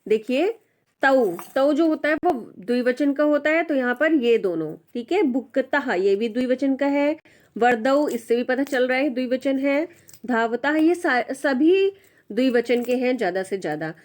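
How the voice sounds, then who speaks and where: A woman teaching a textbook lesson in a slow, measured way. Her voice sits a bit high, and she says each word aloud before she explains it. Patient and steady, like a tutor going step by step.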